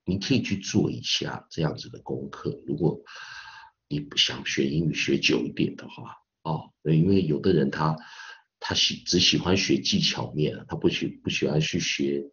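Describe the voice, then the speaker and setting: A male English teacher gives an online phonics lesson. He spells words out slowly and fills his talk with little particles. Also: extremely low pitch, a bit bright, lo-fi sound. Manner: repeats spellings slowly, peppers speech with 啊 and 哦.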